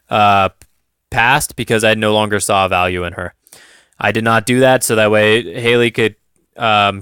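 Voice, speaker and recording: A man's voice: medium pitch, a bit bright, clean tone, dry recording, clean studio sound. A young man casually recapping a tabletop game, chatty and self-deprecating, laughing often. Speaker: tabletop game channel host.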